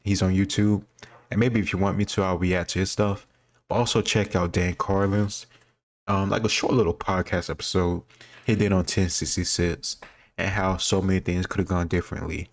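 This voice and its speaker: This host's low voice holds a steady tone at normal speed as he comments casually on a history quiz video. He muses aloud in an informal, wandering manner.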